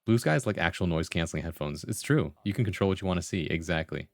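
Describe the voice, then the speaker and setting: A man's voice: deep voice, expressive, fast, gravelly, dry recording. A man hosting a livestream, chatting casually with viewers and reading comments in a slangy, conversational way. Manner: slangy, conversational, full of "like" and "bro". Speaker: livestream host.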